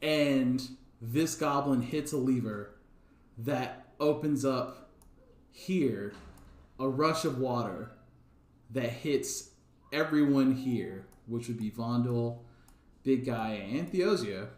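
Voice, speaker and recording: A man running a tabletop game as dungeon master, narrating in a relaxed, halting way with many fillers. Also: mid-range voice, echoey room.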